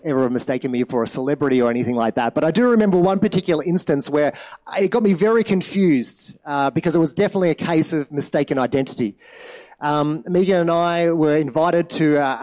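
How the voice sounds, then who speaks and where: A man delivers a sermon as a relaxed personal story. His voice sits high for a man, and he talks in a chatty, rambling way full of fillers. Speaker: preacher.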